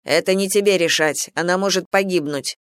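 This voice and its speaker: A man's voice: sits high, a little fast, fairly bright tone, smooth, no echo, studio quality. An audiobook narrator voicing a firm, exasperated young male general.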